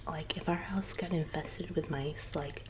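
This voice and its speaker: A woman doing an ASMR role-play as one side of a casual, rambling chat, speaking in a soft, conspiratorial library-style soft voice with some low murmured words. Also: steady tone, a little slow, background noise.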